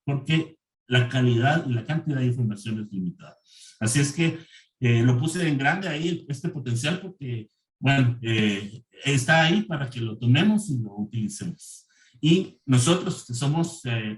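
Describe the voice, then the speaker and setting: A man giving a conference presentation over a video call, hesitant with many fillers. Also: medium pitch. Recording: roomy, distant mic.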